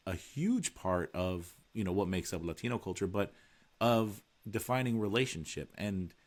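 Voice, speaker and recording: Low-voiced reflective podcast host. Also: male voice, lively intonation, normal speed. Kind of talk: casual conversation.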